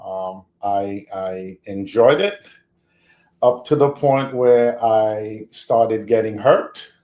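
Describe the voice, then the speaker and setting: A man from Haiti, a guest on a podcast interview, talking in a slow, reflective way and chuckling often. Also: on the low side, darkish tone, reverberant.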